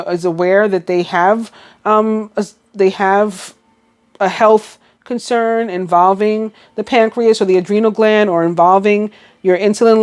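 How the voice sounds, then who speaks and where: A woman's voice: medium pitch, a little mellow, clear, resonant tone. A woman with a New York accent giving a casual, rambling tarot reading, full of fillers and restarts. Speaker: tarot reader.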